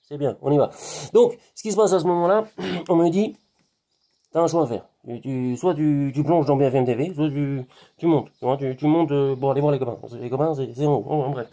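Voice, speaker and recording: A man, a hypnotherapist vlogger from France, talking to camera from his garden in a rambling, animated monologue that repeats itself and speaks to the viewer as a close friend. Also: a little high, brisk.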